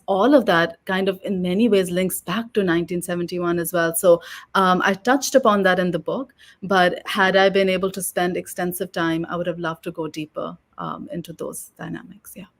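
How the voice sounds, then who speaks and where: A woman author and oral historian answering interview questions in a measured, reflective way, slightly hoarse and pausing with fillers. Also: fairly low pitch, steady tone. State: losing her voice.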